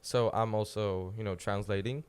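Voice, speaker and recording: A man's voice: lowish voice, steady tone, normal speed, darkish tone, clean tone. A teenage man from Poland with a Polish accent, a guest speaking in casual podcast chat who searches for words with many fillers. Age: teens. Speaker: guest, student youth leader.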